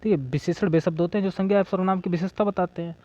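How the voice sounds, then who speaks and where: A man's voice: high-pitched, fairly even intonation, rapid-fire, mellow. A man teaching an exam-prep grammar lesson, asking questions and then answering them himself, checking in with "okay" again and again. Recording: dull lo-fi audio.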